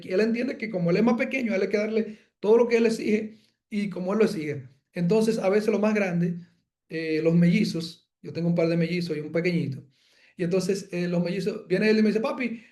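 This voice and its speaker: A man's voice: high voice, darkish tone. A man, a pastor giving an earnest teaching talk on parenting, often repeating words as he works out his point. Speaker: pastor teaching a Bible course.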